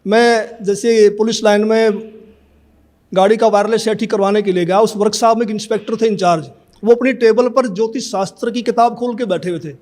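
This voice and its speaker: A man's voice: high voice, steady tone, fairly quick, a little mellow. A man in his fifties giving an earnest personal testimony in an interview, telling his story and acting out remembered conversations. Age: 50s.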